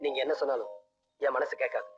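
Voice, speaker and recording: An actor playing a brooding young hero bent on revenge, speaking earnestly and grimly in an old drama film. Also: male voice, mid-range voice, fast talker, lightly acted. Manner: earnest, grim. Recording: dull old film soundtrack with music.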